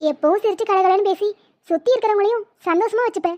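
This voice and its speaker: A woman's voice: extremely high pitch, quick pace, a little mellow. A woman voicing a disappointed middle-aged mother in a cartoon drama, talking in a fond, lamenting way. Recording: dull lo-fi.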